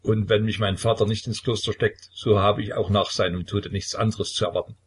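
A man voicing a despairing young tsarevich who mourns in a sighing lament, with a low, husky voice. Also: steady tone, a little fast.

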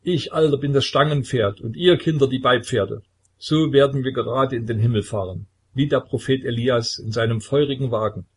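A man's voice: medium pitch, moderate pace, breathy edge. A man voicing an old male sect leader who preaches with coaxing, jovial authority in a storybook reading. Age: older.

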